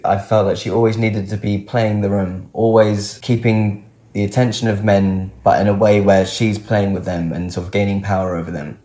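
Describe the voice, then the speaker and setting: A man in his late twenties speaks through a disguising filter that drags his voice very deep and dark. He talks in a flat, reflective way, halting as he searches for words. The sound carries a roomy echo. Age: late 20s. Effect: voice disguised, altered deep to hide identity. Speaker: guest telling his own story. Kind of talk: candid personal account.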